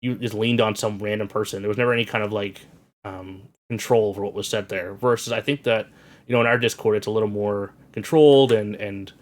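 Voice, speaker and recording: A man with a slightly low voice chats casually and agreeably. He often restarts and repeats words mid-sentence. His talk stays loose and conversational. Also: steady tone, a little fast. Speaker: student guest. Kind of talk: casual chat.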